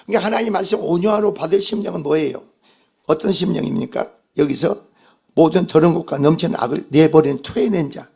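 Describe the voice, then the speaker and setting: A man's voice: a little high, quick pace, vocal fry, dark tone, slightly rough. A male pastor delivering a Sunday sermon, emphatic and putting rhetorical questions to the congregation.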